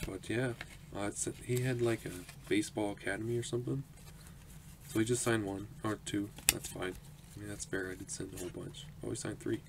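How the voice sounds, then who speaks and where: For a home vlog, an autograph collecting channel host in his twenties opens his mail in a small indoor room. His lowish, creaky voice moves briskly with fairly even intonation, and he's chatty and upbeat, laughing often and saying um a lot. The home recording is noisy.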